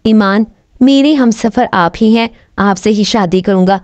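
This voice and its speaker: A woman's voice: mid-range voice, unhurried, a little mellow, dry recording, lightly acted. A woman voicing an earnest, lovesick young male doctor who talks in a pleading way. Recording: dull, dry recording.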